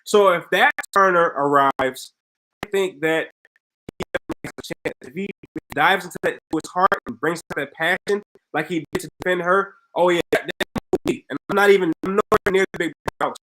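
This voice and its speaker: Chatty man with a higher voice. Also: moderate pace, bright, forceful tone, slight background noise, low-quality recording. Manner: chatty, frank, reads comments aloud and answers. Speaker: podcast host reading viewer comments. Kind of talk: casual live-stream chat.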